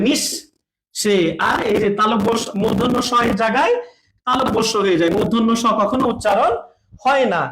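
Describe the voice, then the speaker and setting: A man's voice: very high-pitched, background noise. A man teaching a spoken lesson at a board, asking questions and answering them himself and repeating key points.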